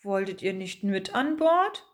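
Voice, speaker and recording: A woman's voice: mid-range voice, very animated, a little slow. Woman reader doing young male mouse, timid, anxious, touchy, storybook. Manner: anxious, indignant.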